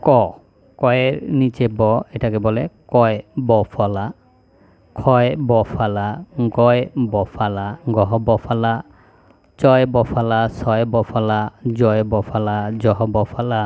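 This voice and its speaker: A male teacher, slowly reciting a spelling lesson item by item in an even drill. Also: lowish voice, smooth. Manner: slow, even, drilling one item after another.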